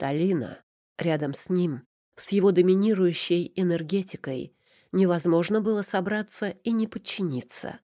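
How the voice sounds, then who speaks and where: A woman narrating a first-person romance novel in an emotive, measured reading. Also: fairly low pitch, dark tone, no echo, studio quality. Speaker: audiobook narrator.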